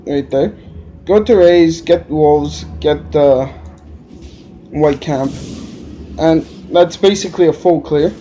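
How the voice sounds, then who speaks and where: A gamer from Alberta with Quebec French-tinged English offers rambling, hesitant commentary packed with "uh"s as he plays. His warm voice is a little high, and he goes slowly, pausing often. Lo-fi sound carries slight background noise.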